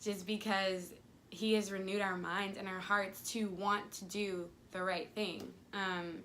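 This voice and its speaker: A woman's voice: mid-range voice, little pitch movement, unhurried, a bit bright, a little hiss or hum. A young woman talking earnestly to camera about her faith, chatty and casual, acting out little quoted voices as she goes. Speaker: faith vlogger. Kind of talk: casual devotional talk to camera.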